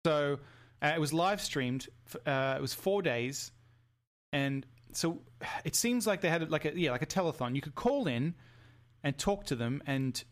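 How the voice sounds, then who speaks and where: A man's voice: fairly high pitch, expressive, normal speed. Jokey man chatting on a podcast. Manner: jokey, laughs often. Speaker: podcast co-host. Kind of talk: casual chat.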